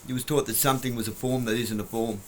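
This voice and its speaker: Lecturing from the couch in his home, a vlogger speaks fast in a medium-pitched, steady voice, with a little hiss or hum on the recording. His blunt monologue rambles, breaking off mid-word as he laughs at himself.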